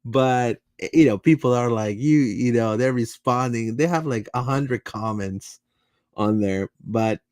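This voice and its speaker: A man's voice: medium pitch, a little slow, darkish tone, dry recording. Chatty man co-host, dry close sound. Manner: hesitant, chatty, reads fan comments aloud. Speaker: podcast co-host. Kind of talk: casual sports talk.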